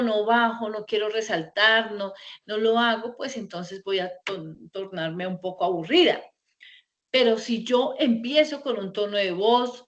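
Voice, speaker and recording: A woman's voice: medium pitch, dull audio. A woman teaching an online class over a video call, conversational, with many fillers and rhetorical checks.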